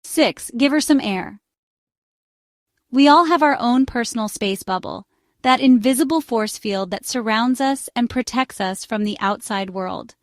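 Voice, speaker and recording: A woman's voice: a little high, unhurried, no echo, clean studio sound. A woman narrating scripted relationship advice, chatty and speaking straight to the listener. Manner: chatty, direct address to the listener.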